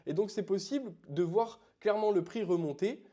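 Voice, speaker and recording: A man's voice: high-pitched, normal speed, warm tone. A man casually explaining a trading strategy to the viewer. He talks informally and often fills his sentences with small filler phrases. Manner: informal, addresses viewer as "tu", many fillers like "du coup"; explains while pointing at charts. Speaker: forex trading educator.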